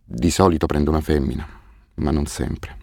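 A man voicing a weary, guilt-ridden orphanage director who speaks haltingly and turns bitterly defensive. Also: a bass voice, vocal fry, a little mellow, no room sound, clean studio sound, exaggerated voice. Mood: grave, ashamed.

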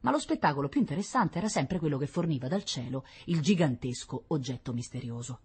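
Low-voiced woman reading a kids' story, husky, lively. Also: fairly quick. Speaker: narrator.

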